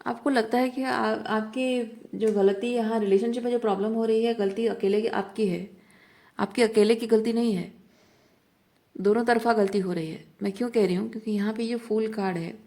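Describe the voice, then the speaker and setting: A woman's voice: fairly high pitch, fairly even intonation, moderate pace, dark tone. A woman reading tarot cards for the viewer, earnest and repetitive, mixing English words into her Hindi. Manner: earnest, repeats phrases for emphasis, mixes English words into Hindi. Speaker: tarot reader.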